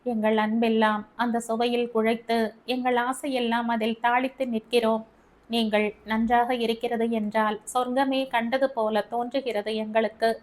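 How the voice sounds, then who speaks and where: A woman voices a gentle young wife in an audiobook story, speaking in a soft, calm and pleading way. She stays patient under her husband's scolding. The voice is fairly high. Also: normal speed, lightly acted. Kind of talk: audiobook character reading.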